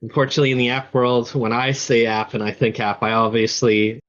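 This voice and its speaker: A man speaking as an interview guest, explaining his software product in a conversational, explanatory way. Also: mid-range voice, little pitch movement, fairly quick, highs cut off.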